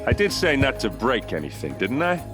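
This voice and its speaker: Over music, this actor talks briskly with huge swings in pitch. He plays a young warrior in a video game grieving his murdered sister, and his delivery is earnest, pleading and low.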